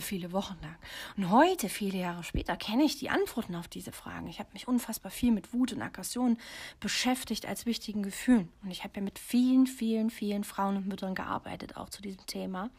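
A woman's voice: medium pitch, fairly quick, darkish tone, breathy edge. A middle-aged woman hosting a podcast for mothers, telling a painful personal story to the listener in an intimate, confessional way that often drops to a near whisper. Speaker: podcast host and coach for mothers.

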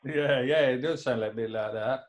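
A man's voice: mid-range voice, moderate pace. A man hosting a podcast from his home office, chatting casually and joking as he rambles with many fillers. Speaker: podcast host. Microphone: laptop.

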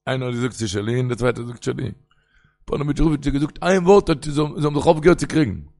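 Gravelly-voiced rabbi preaching in Yiddish. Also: male voice, mid-range voice, fast, darkish tone. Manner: rambling, storytelling, quoting sources in a singsong. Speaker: rabbi giving a Torah talk. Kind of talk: Yiddish sermon on the weekly portion.

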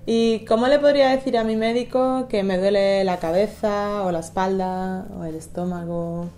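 Woman, co-host, bilingual lesson, middle pitch, chatty, playful, asks questions. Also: fairly even intonation, moderate pace, warm tone, slight background noise. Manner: chatty and playful, laughs easily.

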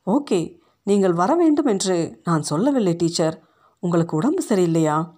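A woman voicing a smiling school headmistress who talks in a brisk, politely concerned way. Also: on the low side, sing-song, warm tone.

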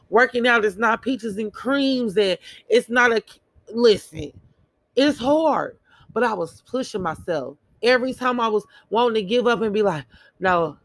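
A woman's voice: on the low side, no room sound. A woman giving a casual motivational monologue in an earnest, emphatic way, repeating phrases for emphasis. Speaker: motivational speaker.

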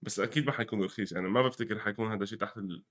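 A man's voice: fairly low pitch, rapid-fire, a bit bright. A young man with a Lebanese Arabic accent chatting casually about gaming, mixing in English gaming terms. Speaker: gaming commentator and guest. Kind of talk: casual conversational gaming news chat.

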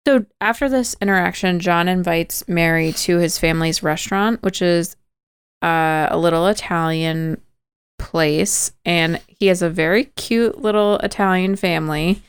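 A woman's voice: lowish voice, a little slow, clean tone, no room sound. A woman podcast host casually retelling a movie plot, chatty and full of "like" and "kinda".

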